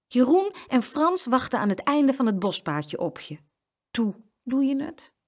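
Woman doing a little worried girl, high pleading voice, storybook. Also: very animated, measured pace, heavily acted. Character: small anxious girl Saskia.

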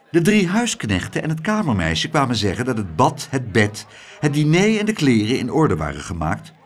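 Man, storybook narrator, expressive, animated, very lively pitch. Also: slightly rough. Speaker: audiobook reader.

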